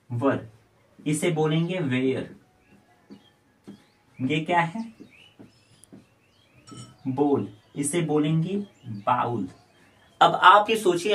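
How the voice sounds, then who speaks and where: A young man teaches spoken English, walking through each phrase step by step. His voice sits a little high for a man. He says sample sentences slowly and repeats them so learners can follow. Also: fairly bright tone. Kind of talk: spoken English lesson in Hindi.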